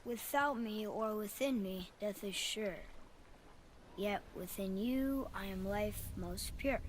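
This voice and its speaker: Earnest boy, high voice, curious, eager, video game drama, ambient noise behind. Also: slow pace. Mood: thoughtful. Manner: questioning, eager. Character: curious, earnest young boy, warrior's son. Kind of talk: cinematic video game acting.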